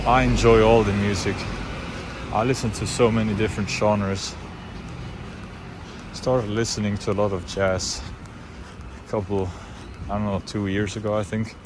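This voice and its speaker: A young vlogger from Switzerland with a Swiss German accent rambles casually to camera from a car. His voice is fairly low and the background is noisy. His talk is loose and unscripted, full of fillers and restarts.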